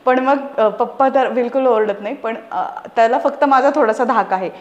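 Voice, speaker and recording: High voiced woman in her 30s, podcast guest, earnest, making her case, echoey room. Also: moderate pace, dull audio. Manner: earnest and persuasive, talking through examples. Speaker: podcast guest, parenting expert. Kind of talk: casual conversational interview.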